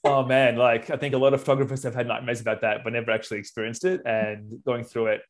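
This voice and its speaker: A middle-aged Australian man, a wedding photographer, telling a story casually and acting out quoted lines, clearing his throat now and then. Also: medium pitch, quick pace. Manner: animated, acts out quotes, frequent clears throat.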